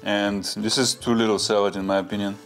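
A man with a Bulgarian accent and a very low voice, chatting casually as he tastes food and explains each dish. He sounds relaxed and plain-spoken. Faint music plays behind him. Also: brisk. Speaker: vlog co-host. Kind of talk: casual food tasting chat.

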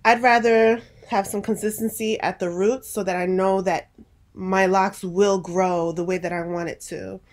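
A woman's voice: medium pitch, steady tone, normal speed. Chatty, rambling woman vlogger. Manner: rambling, chatty, many restarts and fillers. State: out of breath. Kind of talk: casual talk to camera.

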